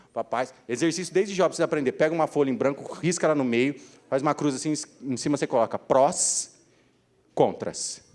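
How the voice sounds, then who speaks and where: A man from Brazil giving a live motivational talk to an audience, joking and speaking to the listeners directly. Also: a little high. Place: council chamber hall.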